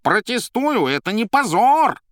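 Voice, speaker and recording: A man's voice: medium pitch, sing-song, moderate pace, fairly bright tone, dry recording, studio quality, voice pushed up. Behemoth, a pompous talking tomcat, voiced by a man. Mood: indignant. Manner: indignant, self-satisfied.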